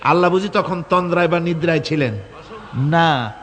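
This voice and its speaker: A man preaching a sermon, shouting at the peaks and chanting verses in a fervent, impassioned way. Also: fairly high pitch, moderate pace. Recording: long hall reverb.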